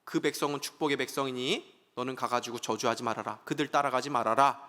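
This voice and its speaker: A grave divine voice gives firm commands, low and unhurried, as a preacher puts it on. A long church reverb follows each line. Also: male voice, fairly even intonation, sharp tone, natural voice. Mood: commanding.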